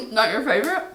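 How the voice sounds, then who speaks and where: A woman's voice: high-pitched, pushed and bright, echoey room. A woman hosting a snack taste test in casual chat, bubbly and enthusiastic. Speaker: host.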